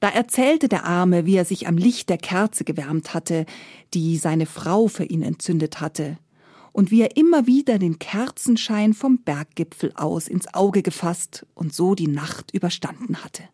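A woman's voice: lowish voice, animated, measured pace, dark tone, husky, no room sound, clean studio sound. A woman storyteller narrating a folk tale expressively, often letting phrases fade into a whisper.

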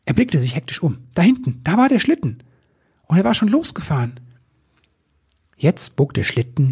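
A man reading a children's Christmas story aloud with calm, expressive narration. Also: mid-range voice, slightly rough.

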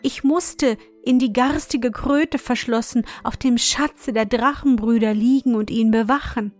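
A woman voicing a tiny freed toad creature, high and eager. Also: steady tone, measured pace, a little mellow, faint music behind, lightly acted. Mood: grateful.

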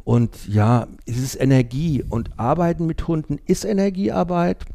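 A man with a gravelly, dark voice hosts a casual podcast chat. He talks in a lively way and laughs now and then as he explains. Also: on the high side, moderate pace, a little hiss or hum. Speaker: podcast host.

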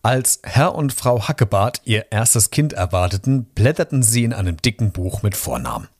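A man hosting a podcast, reading a children's book aloud in a friendly, lively storytelling manner. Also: fairly low pitch, moderate pace, dry recording, clean studio sound.

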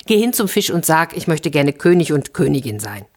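A woman's voice: low voice, very animated, brisk, a little mellow. A woman voicing a fisherman's greedy, bossy wife in a fairy tale, demanding and commanding.

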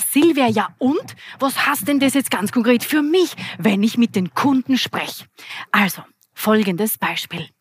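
An Austrian woman in her forties giving an energetic, interactive keynote talk as a business trainer, speaking straight to a live audience. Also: high voice, no echo. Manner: lively, energetic, addresses the audience directly. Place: event hall with live audience.

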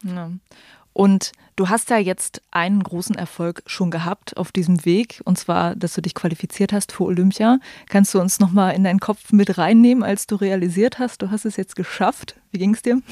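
A woman's voice: medium pitch, fairly even intonation, moderate pace, mellow, no room sound, studio quality. A woman interviewing an athlete in a friendly, chatty way, with hesitant fillers. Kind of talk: casual interview questions.

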